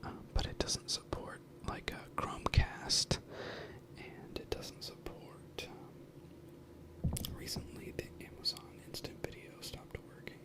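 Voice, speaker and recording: Casting: man, thirties, for close-to-the-ear ASMR whispering, casual rambling delivery, fully hushed. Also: slow pace. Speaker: ASMR video creator. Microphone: close binaural mic, ear to ear.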